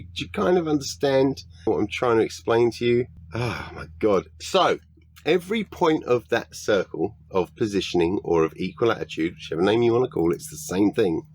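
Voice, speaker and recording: A man's voice: fairly low pitch, slight background noise. A British man giving a sarcastic, exasperated commentary rebuttal, swearing often. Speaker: YouTube debunking commentator.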